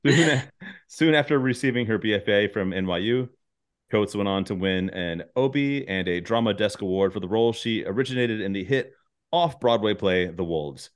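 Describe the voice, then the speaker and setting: A man with a fairly low voice and lively intonation hosts an interview podcast at normal speed. He shifts between scripted introductions and casual, self-deprecating chat with his guests.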